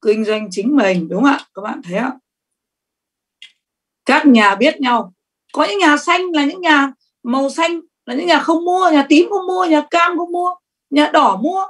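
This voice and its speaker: Leading a sales training session, a middle-aged woman speaks at a measured pace in a voice that sits high. She stays lively and emphatic, regularly asking her audience questions.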